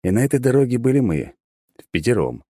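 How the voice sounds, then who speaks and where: A man narrating a fantasy audiobook in the first person, steady and measured. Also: mid-range voice, slightly rough, dry recording.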